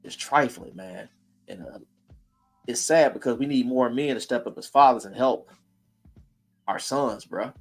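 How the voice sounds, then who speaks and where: A man's voice: medium pitch, measured pace, pauses often, faint music behind. A man hosting a casual streamed talk, blunt and preachy, in heated street slang. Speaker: host.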